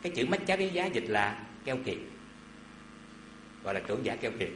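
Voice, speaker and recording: Animated man preaching. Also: medium pitch, normal speed, a little hiss or hum. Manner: animated folksy storytelling with asides to listeners. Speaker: Buddhist preacher. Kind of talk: dharma talk storytelling. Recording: echoey hall with faint ambience.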